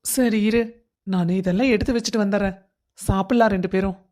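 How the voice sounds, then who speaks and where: A woman voicing a young, busy husband who coaxes and gently scolds his wife. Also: mid-range voice, steady tone, fairly quick, natural voice. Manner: coaxing, affectionate scolding.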